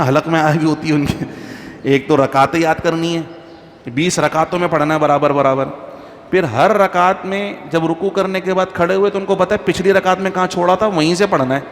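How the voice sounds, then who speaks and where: A man, a mufti, giving an informal religious talk to a congregation in a mosque, conversational and full of anecdotes. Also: high voice. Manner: conversational, anecdotal, chants Quranic verses slowly. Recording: faint background noise, long reverb.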